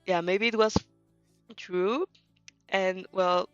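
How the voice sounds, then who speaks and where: A young woman whose first language isn't English hosts a stream reacting to fan fiction, chatting in a casual, rambling way; she's hesitant and giggly and often corrects herself. Her mid-range voice is smooth and steady in tone, and she speaks slowly. The recording is dry, from a dull lo-fi mic with faint music behind her.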